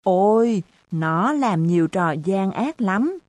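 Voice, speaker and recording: Woman reading a sly bragging teen boy tutor, slow dry delivery, close to her own voice. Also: medium pitch, animated, darkish tone, dry recording. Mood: boastful, weary. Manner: boastful, faltering when caught. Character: crafty teenage boy tutor who boasts and fibs.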